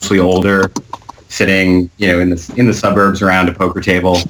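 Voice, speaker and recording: A man in casual conversation, relaxed, with a few fillers. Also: deep voice, brisk, a little hiss or hum. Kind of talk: casual chat.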